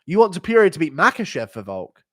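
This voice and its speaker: A sick man hosts a casual livestream, reading out donations with profane, mocking jokes. His pitch jumps around lively, and the sound is dry and close to the mic. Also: fast talker, no room sound. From United Kingdom. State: sick, unwell.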